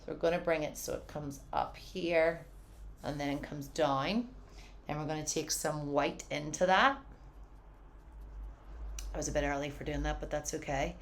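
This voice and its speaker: A woman's voice: sits low, fairly even intonation, moderate pace, long pauses, a little hiss or hum. A woman giving a casual, encouraging painting tutorial from her studio, chatty and often saying "wee". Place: home art studio.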